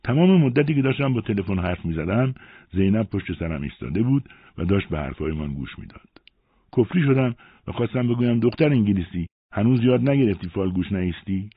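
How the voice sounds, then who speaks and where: A man with a very low, husky voice reads a first-person story with lively, shifting intonation. The sound is narrow and thin, like a phone line. The room sounds dry and close. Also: dry recording. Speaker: audiobook narrator.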